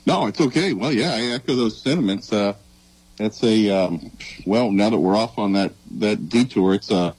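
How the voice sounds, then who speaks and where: A man talking casually on a sports show in an earnest, halting, reflective way. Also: on the low side, a little mellow, slightly rough, no room sound, poor audio.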